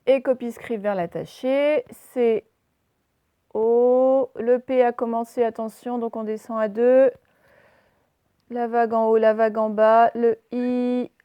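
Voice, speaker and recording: A woman's voice: a little high, smooth, no room sound, highs cut off. A woman primary school teacher giving a remote lesson to young children, patiently spelling out letters and explaining each step as she writes. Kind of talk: remote class lesson, dictating and writing.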